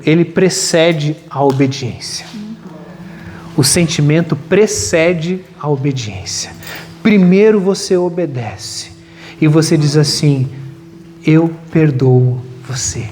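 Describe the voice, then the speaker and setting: A male pastor preaching a lively sermon at a church retreat, with humor and acted-out quotes. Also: a little high. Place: large hall at a retreat. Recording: long hall reverb.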